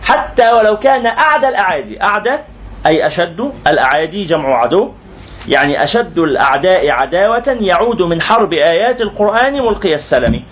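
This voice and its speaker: A man's voice: high-pitched, sing-song, fast talker, muffled recording. A man with an Egyptian accent teaching a lecture, explaining terms word by word and restating them again and again. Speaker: religious teacher. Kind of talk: lecture explaining a classical poem.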